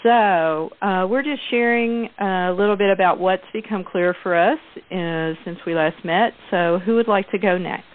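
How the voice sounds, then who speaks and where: A woman's voice: medium pitch, moderate pace, hardly any pauses. A woman leading a group coaching call, chatty and encouraging, often restarting her phrases. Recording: tinny phone line.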